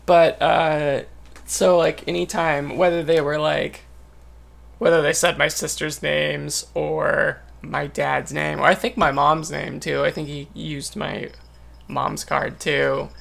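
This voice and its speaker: Gravelly man with dry jokes. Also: on the high side, little pitch movement, takes it slowly, fairly bright tone. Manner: dry joking, rambling. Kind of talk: casual chat.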